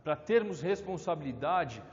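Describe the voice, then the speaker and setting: A Brazilian man lecturing in a hall with a long echo, recorded on dull lo-fi equipment. His pitch swings widely as he questions the audience. He acts out his examples with dramatic flair. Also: animated, moderate pace. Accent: Brazilian Portuguese. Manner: engaging, asks the audience questions. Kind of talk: public spiritist lecture. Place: lecture hall of a spiritist center.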